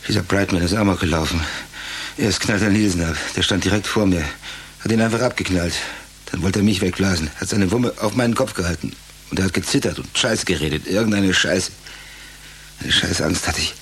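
A man's voice: low voice, brisk, fairly bright tone, a little hiss or hum. An actor playing a hot-tempered, swearing man in a radio drama, coarse and irritable.

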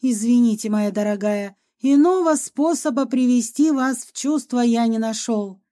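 A woman voicing a polite, calm male ghost doctor who speaks in a courteous, measured way. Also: a little high, lightly acted.

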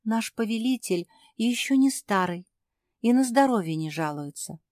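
A mistreated young female dog, voiced by a woman in a storybook. She answers timidly and pleads in a higher, gentle tone. The sound is close and dry. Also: expressive, normal speed, dry recording, natural voice.

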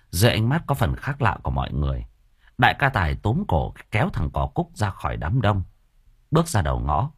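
Deep-voiced, expressive male storyteller. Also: breathy edge, dry recording, studio quality. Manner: colloquial, expressive reading with coarse asides. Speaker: audiobook narrator. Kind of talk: storytelling narration of a novel.

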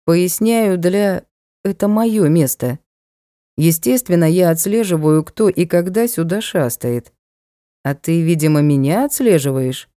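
A blunt young knight, voiced by a woman reading an audiobook needles and teases in a low, mellow voice. He talks in a brusque, matter-of-fact way. The recording is dry and close. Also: lively intonation, unhurried, dry recording. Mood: teasing. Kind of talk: audiobook character voice.

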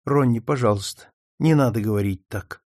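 A man voicing a quiet, earnest young woman defending herself against an accusation. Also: medium pitch, moderate pace, no room sound, studio quality, lightly acted. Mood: earnest defensive.

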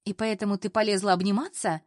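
A woman voicing a jealous young female colleague who is shrill and picks fights. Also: level tone, fast, no room sound, clean studio sound, close to an everyday voice. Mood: furious. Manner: shrill, scandal-making.

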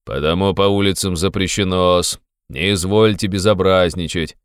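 A man's voice: low voice, steady tone, normal speed, clear, resonant tone, dry recording, studio quality, lightly acted. A man reading an audiobook, voicing an officious policeman who speaks in stilted formal phrases. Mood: stern. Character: stiff, officious male policeman.

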